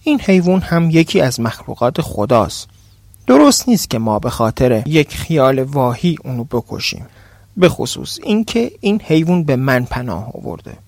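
A man's voice: medium pitch, very animated, a little mellow, dry recording. A man voicing a kindly, firm ship captain in a told folk tale, speaking in a commanding, reasoning tone.

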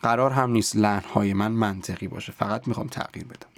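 Man, speech coach, low voice, calm podcast lesson, dry close sound. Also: gravelly, dry recording.

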